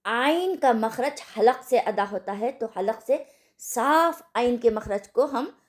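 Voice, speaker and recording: Woman, online recitation lesson, fairly high, very slow, repeats each sound. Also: animated. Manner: asks the class if they understood. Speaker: Quran recitation teacher.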